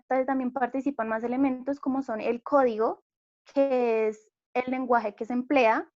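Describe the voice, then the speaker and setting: A woman's voice: high voice, a little mellow, no echo. A young Colombian woman giving a class presentation, explaining step by step with frequent fillers. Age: young adult. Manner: explanatory, many fillers like eh and pues. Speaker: student presenter. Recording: dull lo-fi recording.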